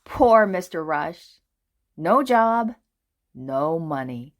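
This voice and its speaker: A woman with a low-pitched voice reads a children's storybook aloud, expressive and deliberate, giving her lines dramatic phrasing.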